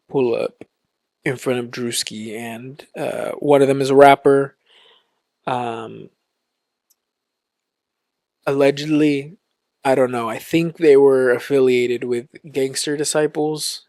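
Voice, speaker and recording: A man hosting his own podcast in a relaxed, casual way, with lots of ums and likes. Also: mid-range voice, no room sound, clean studio sound. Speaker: podcast host. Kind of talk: casual solo podcast chat.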